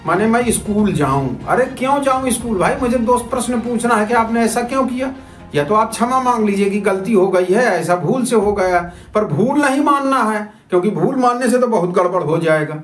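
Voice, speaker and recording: A man with a high voice speaks expressively and fairly quickly as a citizen journalist presenting a video report. His informal commentary to viewers is argumentative, repetitive, and full of rhetorical questions, recorded with roomy echo and music underneath.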